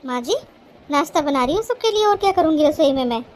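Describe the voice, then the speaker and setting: A woman's voice: high voice, lively intonation, fast, a little hiss or hum. A woman voicing a bossy, overworked elder daughter-in-law who scolds and lectures in a cartoon. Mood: defensive. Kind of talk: cartoon voice acting.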